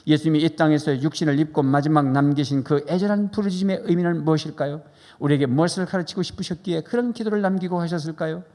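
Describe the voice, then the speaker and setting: A pastor with a fairly high voice preaches a sermon, praying fervently and guiding the congregation with questions, repeated phrases, and loud call-and-response. He sounds fervent and repetitive. It was recorded live in a large church sanctuary, with hall reverb and music.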